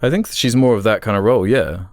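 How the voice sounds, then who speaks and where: A very low-pitched man talks loosely about films on a podcast, circling his points and trailing off. His voice is dry and close to the mic, with no room sound. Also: quick pace, no echo. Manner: rambling, trailing off with laughs. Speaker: podcast co-host. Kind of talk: casual film review chat.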